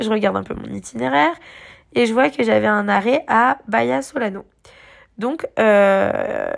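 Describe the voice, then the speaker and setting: A woman's voice: mid-range voice, gravelly. A young woman vlogging her travel day in a casual, rambling way, full of fillers and restarts, with a slight cough from being a bit sick. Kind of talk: casual travel diary vlog.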